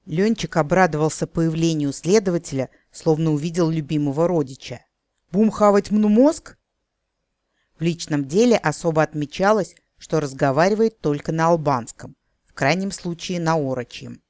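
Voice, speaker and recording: A man narrates a fantasy audiobook with a wry, ironic touch. His voice sits a little high. The recording is dry and close, with no room sound. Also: normal speed, darkish tone, dry recording.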